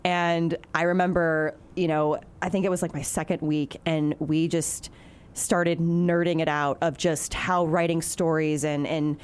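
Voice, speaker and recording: Chatty news anchor woman, lowish voice. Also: little pitch movement, a little slow, smooth. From Chicago area. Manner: chatty, frequent fillers and restarts. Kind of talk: casual interview chat.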